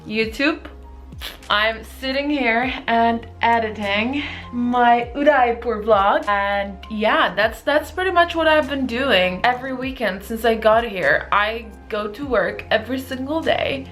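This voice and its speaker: A woman in her twenties giving a relaxed, self-mocking vlog diary update. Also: fairly high pitch, a little slow, soft background music. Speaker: vlogger.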